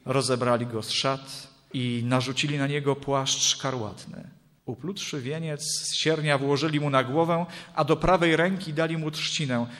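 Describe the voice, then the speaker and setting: A man reading Scripture and preaching in a solemn, measured way, with dramatic rises in his voice. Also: mid-range voice, fairly even intonation, fairly bright tone. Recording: long hall reverb.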